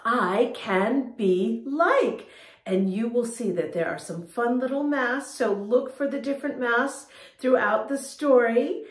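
Reading a picture book to young children, this storytime host is encouraging and emphatic, asking her little listeners questions directly. She speaks slowly in a voice that sits on the high side.

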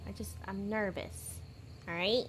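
A woman's voice: mid-range voice, steady tone, a little slow, a little hiss or hum. A woman gamer giving casual, chatty commentary while playing, talking back to the game's characters.

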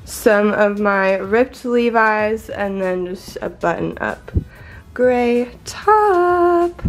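A vlogger in her twenties chats casually to a closely framed camera in front of her in a small apartment bedroom, stuffed up from a cold yet bubbly and talkative, swearing casually. Her mid-range voice is expressive with drawn-out words, and faint music plays behind her.

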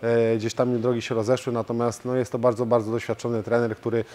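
A man who is a professional fighter and coach, answering interview questions in a steady way with frequent hesitation fillers, recorded in a martial arts gym. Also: medium pitch, a little fast.

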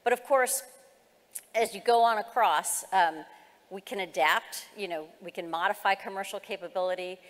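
A middle-aged American woman, a government executive, delivers an explanatory, semi-formal keynote at a conference, her medium-pitched voice moving at a normal speed. She speaks on stage in a large conference hall, and the recording has a reverberant hall sound.

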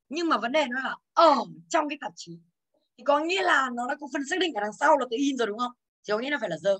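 Lively Vietnamese-speaking woman teaching English. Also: high voice, low-quality recording. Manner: lively, teasing, asks students for answers. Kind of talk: exam answer walkthrough lesson.

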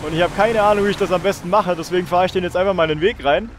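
A man's voice: high voice, steady tone, racing, slight background noise. Joking, swearing male gameplay commentator. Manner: joking, swearing, talking to viewers. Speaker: let's play host.

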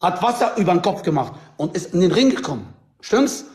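A man with a high, very lively voice argues in a group call. He is insistent and combative, pushing his point and cutting in on others. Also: brisk. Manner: insistent, argumentative, talking over others. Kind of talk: heated argument in a live group call. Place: indoor room, group video call. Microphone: video call on phone or computer.

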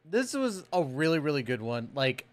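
Speaking at a moderate pace in a highish, very animated voice, an American man in his thirties reacts to a video with slangy, exclamatory remarks. He's close to a boom-arm microphone in a small room crowded with collectibles.

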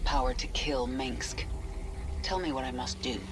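A woman's voice: extremely low pitch, measured pace. A woman voicing a vengeful, commanding alien swarm queen in a video game, imperious and curt. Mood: grim resolve. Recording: loud game music behind.

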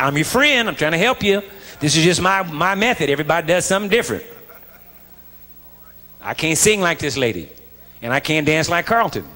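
A man preaching a live sermon as pastor, in an animated, folksy way that swings from quiet asides to shouts. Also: a little high. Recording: long reverb of a large hall.

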